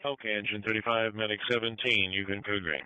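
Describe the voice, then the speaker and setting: Very bright, crisp male fire dispatcher. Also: lowish voice, fairly even intonation, fast talker, no echo, muffled recording. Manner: clipped, procedural. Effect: two-way radio. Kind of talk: emergency radio dispatch.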